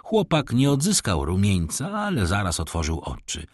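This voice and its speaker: A man reading a classic novel aloud as an audiobook, in a dramatic, expressive way. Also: lowish voice, normal speed, breathy edge, dry recording, clean studio sound. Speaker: audiobook reader. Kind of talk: scripted narration of a classic novel.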